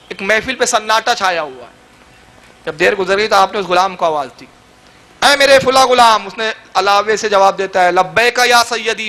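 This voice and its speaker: A man with a Pakistani Urdu accent delivers a storytelling sermon. His voice sits very high and sounds bright and forceful. He builds to impassioned, declaiming peaks. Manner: dramatic, rising to impassioned declamation. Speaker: preacher.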